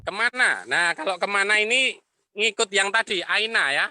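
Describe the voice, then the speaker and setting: A man teaching an Arabic class, explaining patiently and repeating phrases slowly. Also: high voice, expressive, pushed and bright, no echo. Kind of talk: online class lecture.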